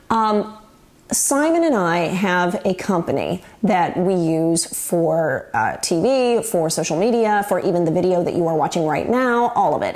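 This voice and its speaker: A woman's voice: on the low side, darkish tone. A woman in her forties hosting a show, giving wry, chatty, scripted commentary to the camera. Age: 40s. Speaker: host.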